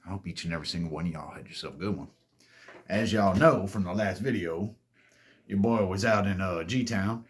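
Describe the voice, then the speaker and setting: A man's voice: low voice, a little fast, slightly rough. A man hosting his own show, telling a story in a rambling, boastful, profane way and calling his viewers "babies". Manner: laid-back, rambling delivery with self-corrections. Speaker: host. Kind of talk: storytime monologue.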